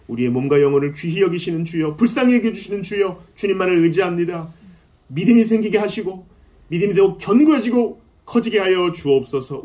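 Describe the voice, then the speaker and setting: A man, a pastor, closing his sermon and leading an earnest, pleading prayer in a church. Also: fairly high pitch. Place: church sanctuary. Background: soft piano accompaniment.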